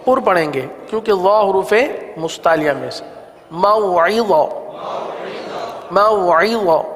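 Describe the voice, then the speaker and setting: A male teacher leading a beginner reading lesson, chanting syllables slowly in a sing-song way and explaining rules briskly between the drills. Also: high-pitched, animated, long reverb tail.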